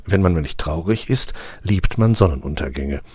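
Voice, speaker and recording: A man reading a story aloud in a calm, even narrating manner. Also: sits low, moderate pace, husky, dry recording. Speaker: audiobook reader. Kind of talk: scripted narration.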